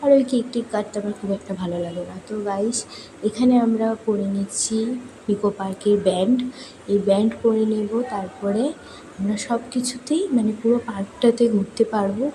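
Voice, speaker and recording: A young woman from West Bengal chats cheerfully to her viewers while vlogging, talking to them directly. Her voice is slightly hoarse, and her pitch sits in a middle range. Clear outdoor noise runs under her speech. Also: steady tone, brisk. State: hoarse from swimming. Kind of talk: casual vlog narration. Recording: noisy outdoor ambience.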